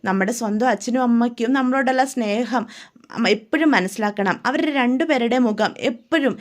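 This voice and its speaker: A woman's voice: a little high, fairly quick, lightly acted. A woman voicing a caring older sister who patiently advises and warns her younger sister. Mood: advising. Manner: patient, advising, repeated questions.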